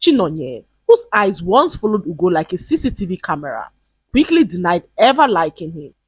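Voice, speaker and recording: A woman narrating a moral folktale in a lively, expressive way. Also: lowish voice, normal speed, husky, no echo. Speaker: storyteller.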